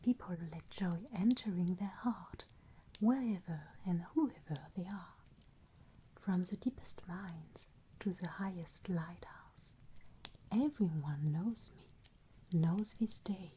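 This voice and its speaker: Woman as solemn female Christmas spirit: hushed storybook whisper, very slow, mellow, gently admonishing ASMR delivery. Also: lowish voice, slight background noise, poor audio. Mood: gently urging.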